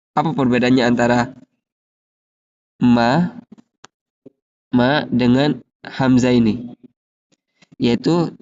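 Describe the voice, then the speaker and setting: A man leads an Arabic lesson at an average pitch. He reads the drill phrases slowly and explains them steadily. The recording sounds dull and lo-fi. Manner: slow, drawn-out drill reading of example phrases, then steady explaining. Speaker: Arabic teacher.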